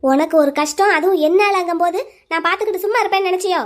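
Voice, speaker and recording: A woman's voice: very high-pitched, very fast. A woman voicing a protective older sister in a cartoon drama, scolding her younger brother bluntly. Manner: scolding, forceful.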